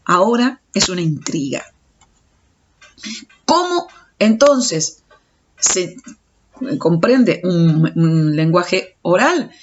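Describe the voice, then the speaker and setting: A woman's voice: lowish voice, big pitch swings, drawn-out words, pauses often, a little hiss or hum. A woman teacher giving a recorded audio lecture, explaining step by step and stumbling over restarts. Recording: dull lo-fi recording.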